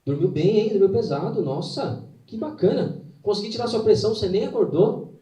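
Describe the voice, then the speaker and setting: Casting: cheery female nurse, put on by a man, high and bright-toned, roomy distant sound. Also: animated, brisk. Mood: pleased. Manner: upbeat, pleased exclamations. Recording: roomy hall, mic at a distance.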